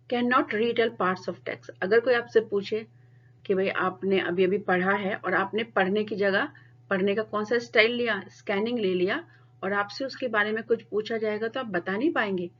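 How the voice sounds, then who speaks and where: A woman teaching a lecture class, explaining in Hindi mixed with English and reading English definitions slowly and deliberately. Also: mid-range voice, fairly even intonation, highs cut off.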